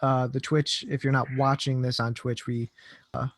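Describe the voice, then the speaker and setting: Relaxed rambling podcast host. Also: male voice, medium pitch, moderate pace, no echo. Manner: relaxed, rambling, laughs often. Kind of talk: casual podcast chat.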